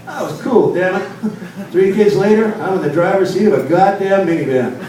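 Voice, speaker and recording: An older man performing a stand-up comedy set in a club, gruff and self-mocking, swearing through his punchlines. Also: high voice, normal speed, a little mellow, far from the mic. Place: comedy club with live audience. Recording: echoey club recorded from afar.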